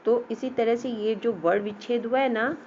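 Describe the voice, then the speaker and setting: A woman's voice: fairly high pitch, steady tone, a little mellow, a little hiss or hum. A woman teaching young children a lesson, speaking patiently and checking in often with them. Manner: slow and patient, with frequent checking "hmm?". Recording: muffled lo-fi recording with faint ambience.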